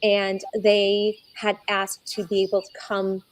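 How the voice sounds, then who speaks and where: A young adult woman, a guest in an interview, telling her own story earnestly and slowing down when she is moved. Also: mid-range voice, completely flat delivery, no room sound, poor audio. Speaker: egg donor guest. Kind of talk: conversational interview.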